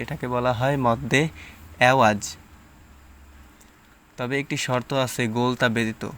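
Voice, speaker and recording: A man's voice: mid-range voice, fairly bright tone, clear, resonant tone. A man teaching Quran reading, explaining rules and then sounding out letters and syllables one at a time. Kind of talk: slow step-by-step recitation lesson.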